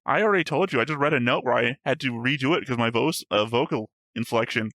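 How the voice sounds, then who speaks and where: A reaction show host reads through his notes in a casual chat, often stopping to correct himself and swearing now and then. His mid-range voice is bright and forward, he talks fast, and the mic is close and dry with no room sound.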